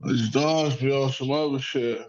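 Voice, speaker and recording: A man's voice: medium pitch, fairly even intonation, measured pace, no room sound, highs cut off. A man hosting a casual sports podcast, rambling and profane, joking with his son over a call. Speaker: podcast host.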